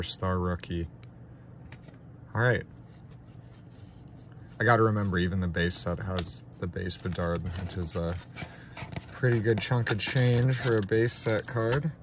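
A young man with a stuffed-up nose talks casually through a trading card pack opening, improvising and gently mocking himself. His voice sits on the low side, with slight background noise. The setting is a small room with a ring light.

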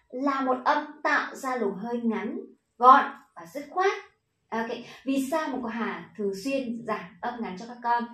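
A young woman with a Vietnamese accent teaching English pronunciation to children, leading slow repeat-after-me drills and praising often. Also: a little high. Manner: encouraging, says "ok, very good" often, drills words slowly. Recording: echoey room.

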